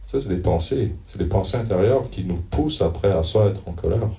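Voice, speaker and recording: A man preaching in an informal, hesitant way, pausing to look through his notes and read passages aloud. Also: sits low, animated, warm tone. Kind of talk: informal church teaching. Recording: echoey room, mic at a distance.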